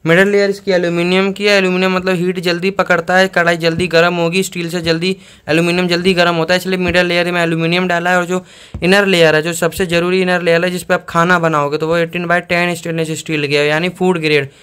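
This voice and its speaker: A man's voice: sits high, level tone, fast talker, fairly bright tone, clear, resonant tone. A man doing a casual unboxing review, chatting to viewers and explaining each step plainly. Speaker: product reviewer.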